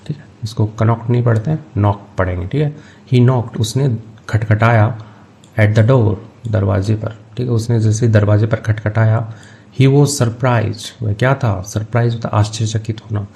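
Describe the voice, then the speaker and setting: A man teaching English, reading each phrase of a story slowly and then explaining it. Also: medium pitch, dark tone. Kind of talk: line-by-line translation lesson.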